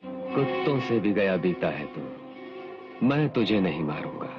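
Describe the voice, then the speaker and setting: A stern, fearless police hero who talks with cold contempt. His voice is low but swings widely. It sits under a loud film score with dull audio. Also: expressive, slow, over music. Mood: contemptuous. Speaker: dubbing actor. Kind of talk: Hindi film dub.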